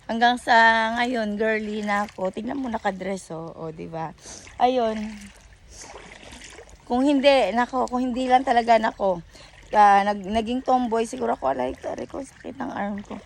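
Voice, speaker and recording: Her voice is a little high and somewhat mellow, with vocal fry and a moderate pace, as this Filipino woman chats by a river for her vlog. She switches between English and Tagalog, rambling with lots of fillers and corrections, over slight background noise.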